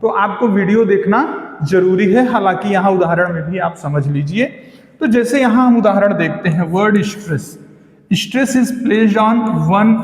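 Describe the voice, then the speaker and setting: Indian male teacher for a video lesson, keeps repeating and quizzing, long room reverb. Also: high voice. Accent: Indian English. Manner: slow, repetitive, quizzing the viewer. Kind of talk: video lesson, mixing Hindi and English.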